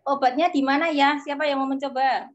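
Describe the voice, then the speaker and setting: Javanese-accented woman teacher with a high, patient voice for an online class, captured on dull lo-fi audio. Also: level tone, brisk. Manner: patient, coaxing, tags sentences with a soft "nggih". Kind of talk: online exam-prep class.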